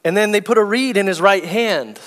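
Male preacher, high voice, slow deliberate delivery, long church reverb. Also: a bit bright. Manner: slow, deliberate preaching, reads scripture aloud. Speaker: pastor. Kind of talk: sermon. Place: church sanctuary.

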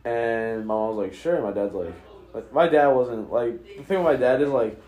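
A young guy tells stories in loose frat-bro slang with some swearing. His pitch is average for a man. The room around him is noticeably echoey. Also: normal speed, warm tone. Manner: frat-bro slang, heavy use of "like", profane. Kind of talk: casual storytelling.

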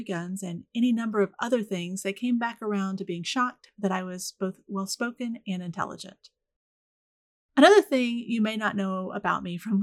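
Southern woman, soft voice, dry and direct podcast host, close dry mic. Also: medium pitch, no room sound. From rural northern Florida, US. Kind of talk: scripted solo podcast monologue.

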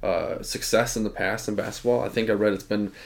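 Relaxed young man, lowish voice. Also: fairly quick, vocal fry. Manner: relaxed, rambling, laughs often. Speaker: podcast co-host. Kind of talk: casual sports chat.

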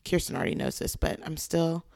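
A woman's voice: low-pitched, big pitch swings, a little fast, gravelly, a little mellow. A woman co-hosting a casual podcast chat, trading dry, wry remarks with her co-host.

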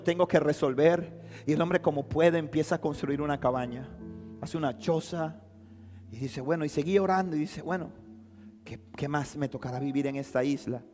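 A man's voice: fairly high pitch, darkish tone. A man preaching a sermon, telling a story with dramatic storytelling and rising to fervent exhortation. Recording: hall reverb with faint music behind.

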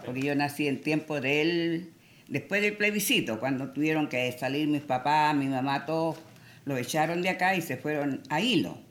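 A woman's voice: sits low, moderate pace, reverberant, slight background noise. An older woman from Peru recounting family memories in a rambling, storytelling way. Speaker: interviewee. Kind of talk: oral history recollection.

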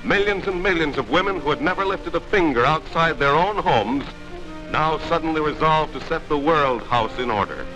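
Old newsreel narrator guy, stirring big declamatory read, kinda high voice, loud music behind him. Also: poor audio. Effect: old newsreel sound.

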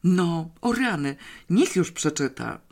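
An audiobook reader voicing a skeptical, excitable young boy who grumbles and exclaims. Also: medium pitch, slow pace. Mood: impatient. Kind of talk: audiobook character voice.

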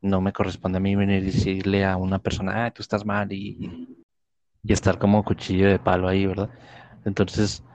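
A man talks in a fairly low, flat-toned voice. He reflects on faith conversationally, explaining patiently through everyday examples. The recording is dry and slightly dull. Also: fairly quick, no echo. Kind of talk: casual religious reflection in conversation.

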